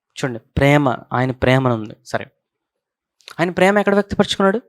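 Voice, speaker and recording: A man's voice: mid-range voice, lively intonation, fairly quick, no room sound, clean studio sound. A male pastor gives a conversational sermon, repeating his key points and often asking whether listeners follow.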